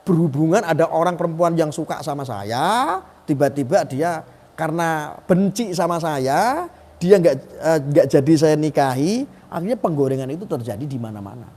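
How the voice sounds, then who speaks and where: Animated man ranting on a live stream. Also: on the high side, moderate pace, big-room sound. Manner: animated, emphatic, rhetorical questions, acts out quoted voices. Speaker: live streamer commenting on a legal case. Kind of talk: impassioned live-stream commentary.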